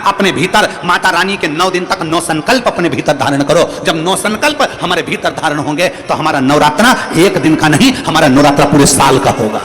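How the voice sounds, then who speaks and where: A man's voice: fairly high pitch, normal speed, hardly any pauses, fairly bright tone. Man preaching a sermon in a reverberant hall. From central India. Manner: repetitive rhetorical lists, prompts the audience to answer. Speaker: religious storyteller preacher. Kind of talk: devotional sermon to a crowd. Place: large devotional gathering. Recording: long hall reverb with faint music.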